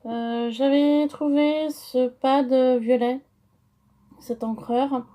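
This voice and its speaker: Brief: French woman, high mellow voice, unhurried, hesitant craft-tutorial host. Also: fairly even intonation. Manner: slow, hesitant, many fillers.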